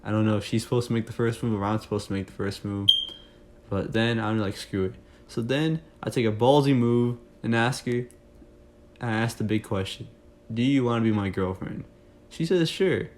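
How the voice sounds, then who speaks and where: A man's voice: medium pitch, fairly even intonation, fairly quick, darkish tone, a little hiss or hum. A young man telling a casual, jokey story to his viewers, rambling with fillers and asides. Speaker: storytime vlogger.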